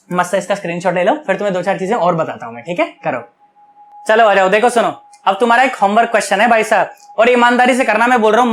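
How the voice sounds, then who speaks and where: A man's voice: high voice, a bit bright. A male physics teacher giving an online video lecture, chatty and coaxing, often checking that students follow, earnest and affectionate toward them.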